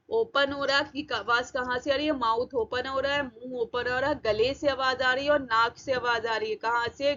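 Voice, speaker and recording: A woman teaching a Hindi grammar lesson for exam preparation. She asks questions and answers them herself, and repeats example words slowly. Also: high-pitched, sharp tone, lo-fi sound. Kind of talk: online exam-prep lesson.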